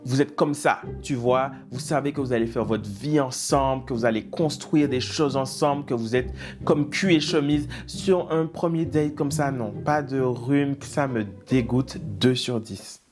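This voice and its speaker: A man's voice: medium pitch, measured pace, over music. Playful man reading viewer stories. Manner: playful, teasing, mock-outraged asides. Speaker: YouTuber reacting to viewer stories. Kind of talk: casual reaction video, reading stories aloud.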